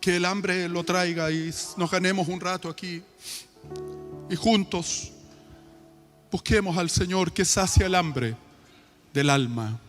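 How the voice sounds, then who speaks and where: A Chilean pastor preaches in a reverberant church hall, his voice sitting a little high for a man. He tells a story in an easy way and then rises into impassioned pleading, while soft music plays under him. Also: slow, long pauses. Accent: Chilean Spanish. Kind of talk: sermon.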